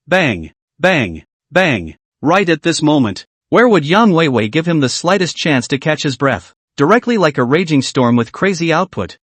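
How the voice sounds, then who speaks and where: A man's voice: on the high side, dry recording. A man narrating a comic-book story recap in a dramatic scripted way, voicing the sound effects.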